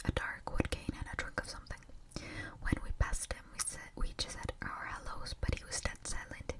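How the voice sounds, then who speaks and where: A woman whispers in a breathy, unvoiced ASMR style, as a storyteller reading aloud with casual asides. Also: distant mic, poor audio.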